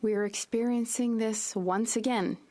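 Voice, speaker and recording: A woman giving a live interpretation of a parliamentary debate speech in a measured, formal way. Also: a little high, fairly even intonation, warm tone.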